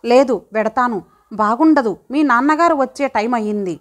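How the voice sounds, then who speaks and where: A woman's voice: on the high side, normal speed, close to an everyday voice. A woman voicing a playful young man in love in a storybook reading, with teasing, flowery romantic lines. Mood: tender. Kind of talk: audiobook character reading.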